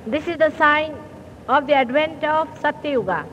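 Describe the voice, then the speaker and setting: A woman giving a slow, deliberate sermon to a hall through a microphone, often clearing her throat, heard on an old 1970s recording. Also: sits high, a bit bright. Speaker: spiritual teacher. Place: large hall. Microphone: speaking into a hall microphone. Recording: old muffled hall recording with faint hiss.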